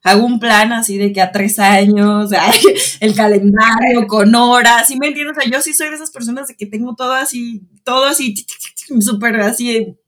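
A young woman in casual chat, animated, laughing often and acting out quoted lines. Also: on the high side, moderate pace.

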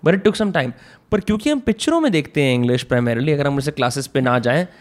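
A man's voice: on the high side, animated, a little fast. A man hosting a casual conversation, speaking reflectively and mixing Hindi and English.

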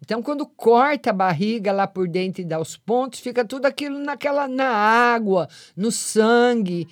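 A woman's voice: fairly high pitch, animated, moderate pace, dry recording, clean studio sound. An older woman hosting a live call-in show, chatting affectionately with callers and giving them readings. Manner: affectionate, calls callers "my lovely". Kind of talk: casual live call-in chat.

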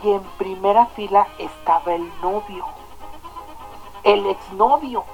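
A woman's voice: mid-range voice, takes it slowly. Mexican woman, radio host, chatty storyteller, dull broadcast sound with faint music underneath. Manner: chatty, slangy, animated storyteller. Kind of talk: casual storytelling chat.

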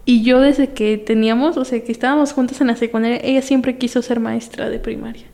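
A young woman with a Mexican accent speaks in an easy, chatty podcast manner. Her voice sits a little high with a mellow, dark tone. She rambles through stories, quoting people with little acted voices. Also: fairly even intonation, a little fast. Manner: chatty storyteller with fillers, acts out quoted voices. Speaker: podcast guest. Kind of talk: casual chat.

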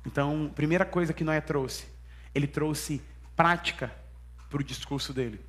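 A man's voice: a little high, moderate pace. A man preaching a sermon, telling stories and acting out dialogue. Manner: animated storytelling, acts out dialogue. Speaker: pastor.

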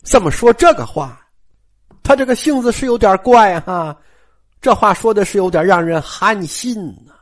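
A woman's voice: medium pitch, animated, normal speed, close to an everyday voice. Woman storyteller doing an exasperated teasing noble wife. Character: placating young noble wife, elder sister-in-law.

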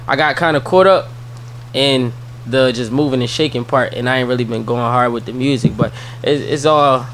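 Soft-spoken philly dude, laid back, lots of ums, mid voice, faint noise. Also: male voice, medium pitch, moderate pace. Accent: Philadelphia. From South Philadelphia. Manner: soft-spoken, relaxed, with many fillers. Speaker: guest, entrepreneur and youth mentor. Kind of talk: casual interview chat.

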